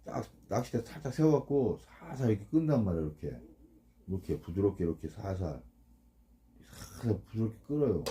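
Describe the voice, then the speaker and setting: A man's voice: lowish voice, expressive, a little fast, dark tone. A man, a fishing boat captain, giving casual blunt advice to anglers. He keeps asking for agreement and imitates the sounds of the gear. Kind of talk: casual instructional talk.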